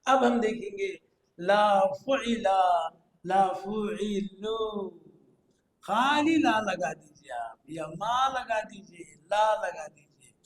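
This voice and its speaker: A man's voice: high-pitched, expressive, slow pace, echoey room, rough recording. A man with an Urdu accent teaching Quranic Arabic grammar in an online class, drilling verb forms aloud and praising his students.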